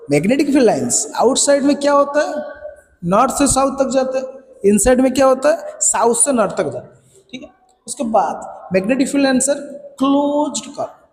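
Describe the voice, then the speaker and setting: High-voiced Indian male science teacher. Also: a little mellow, a little hiss or hum. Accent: Indian English. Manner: repeats key points and quizzes students. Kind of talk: classroom lecture in Hinglish. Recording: echoey room with faint ambience.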